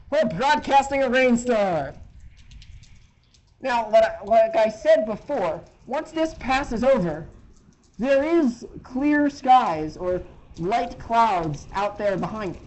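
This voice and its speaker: A man's voice: high voice, darkish tone, rough recording. A man giving informal, rambling rain updates as a sports broadcaster, outdoors on a handheld dictaphone-style voice recorder. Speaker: high school baseball broadcaster. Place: outdoors by a door in a rainstorm. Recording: handheld voice recorder with clear noise.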